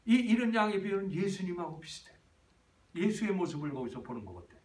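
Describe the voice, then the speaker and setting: Heard from a distance in the echo of a church hall, a male pastor delivers a sermon, frequently questioning the congregation and pulling responses from them. He talks fast in a high, sing-song voice.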